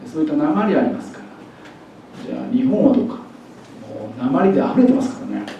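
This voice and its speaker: A man giving a university lecture in a jokey, animated way, acting out pronunciations. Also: a little high, quick pace, creaky, a little hiss or hum. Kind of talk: faculty development lecture. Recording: echoey hall, distant mic, dull.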